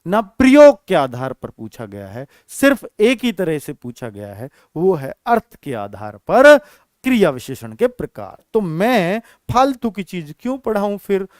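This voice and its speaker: With a fairly high pitch, this male Hindi teacher runs an exam-prep grammar class, addressing the students as children and frequently checking that they are keeping up. The audio is studio quality with no room sound.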